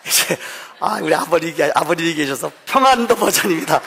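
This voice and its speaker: A man's voice: fairly high pitch, lively intonation, brisk, gravelly, pushed and bright, a little hiss or hum. A pastor from Seoul who chats and jokes with his congregation in a church sanctuary. He speaks in a long church hall reverb. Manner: chatty, joking with congregation. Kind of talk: sermon.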